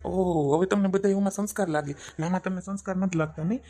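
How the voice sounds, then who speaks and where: A man's voice: high-pitched, steady tone, fast, dark tone. A man with a Kathiawadi Gujarati accent playing an exasperated grown son in a family comedy skit, arguing back sarcastically and indignantly.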